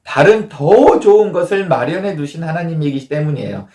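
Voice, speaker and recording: A male pastor delivers a storytelling sermon in a fairly high voice. He slips into quoted prayers and dialogue as he goes. The sound is roomy, with echo around him. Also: animated, normal speed, mellow. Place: church.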